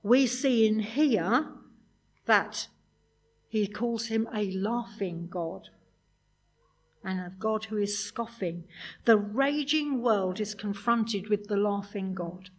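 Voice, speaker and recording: A woman's voice: medium pitch, slow pace. A woman preaching a sermon in a conversational way, full of rhetorical questions.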